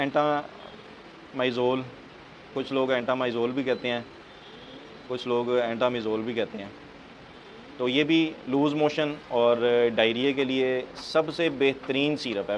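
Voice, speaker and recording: A man's voice: mid-range voice, highs cut off. A man gives casual, chatty advice on keeping pigeons and keeps saying "theek hai". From Pakistan. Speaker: pigeon keeper giving advice. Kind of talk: casual how-to talk. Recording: faint bird noise in background.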